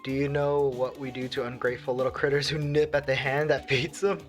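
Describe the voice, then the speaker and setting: A man's voice: medium pitch, level tone, fairly quick, natural voice. A sly, possessive huntress who teases and lightly threatens in a game's dialogue, read aloud by a man close to his own voice. Her tone stays playful with an edge of menace. Faint music plays behind her. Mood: teasing.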